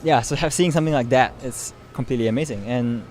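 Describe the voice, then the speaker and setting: Amid crowd noise and clear urban ambience, a young adult man from Singapore speaks at a quick pace in a mid-range voice. He is an interview guest, a medical student and competition winner, answering informally while searching for his words.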